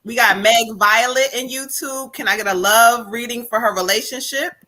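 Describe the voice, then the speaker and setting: Bright, loose-talking woman on a live stream. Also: fairly high pitch, moderate pace, rough recording. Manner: loose, laughing, swears, slangy. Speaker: tarot reader and co-host. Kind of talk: casual live-stream chat.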